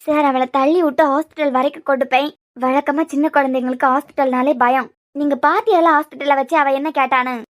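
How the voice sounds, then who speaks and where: A woman's voice: sits high, fairly even intonation, fast talker, no room sound, studio quality, natural voice. A woman voicing a firm young caretaker in a cartoon, who lectures the father plainly in Kanyakumari Tamil. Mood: scolding. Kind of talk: cartoon voice acting.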